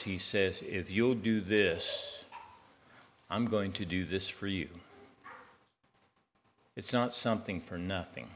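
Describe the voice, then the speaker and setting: A man's voice: sits low, a little hiss or hum. A man preaching a sermon to a congregation, telling a story and acting out its characters. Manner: storytelling with rising emphasis, voicing characters in a joke.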